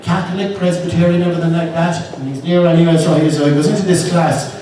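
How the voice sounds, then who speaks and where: A man's voice: fairly high pitch, fairly even intonation, fast talker, dark tone. An Irish man telling comic stories live on stage as a stand-up, with a lilting storyteller's delivery. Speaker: stand-up comedian. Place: large indoor comedy venue. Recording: echoey distant live hall, audience noise. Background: audience laughter and ambience.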